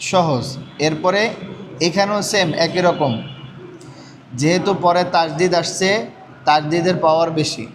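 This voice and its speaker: A man leads a Quran reading class, slightly high in pitch. He keeps asking the class questions and repeating their answers back to them. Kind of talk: classroom lesson.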